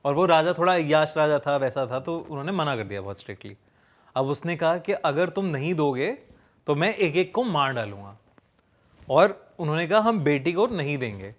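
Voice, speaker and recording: A man casually telling a ghost story, pausing with fillers as he builds suspense. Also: fairly high pitch, expressive. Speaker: storyteller guest.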